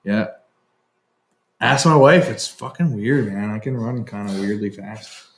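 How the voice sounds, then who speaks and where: A man co-hosting a casual chat, blunt and quick to swear. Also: lowish voice, gravelly, reverberant. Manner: blunt and profane. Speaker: co-host.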